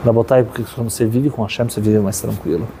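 A man telling a story and teaching as a religious teacher, animated, often checking in with his listeners. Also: lowish voice, fast talker, slight background noise. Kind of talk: storytelling sermon.

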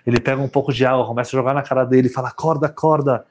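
A man telling a dramatic story as a rabbi, swinging between loud cries and hushed tones. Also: mid-range voice, little pitch movement, very fast, muffled recording, slight background noise.

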